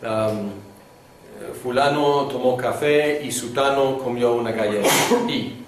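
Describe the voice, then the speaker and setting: A man teaching a beginners' Greek lesson in class, talking slowly and thinking aloud with many fillers. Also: medium pitch, slight background noise. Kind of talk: classroom lecture. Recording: echoey classroom from a distant mic.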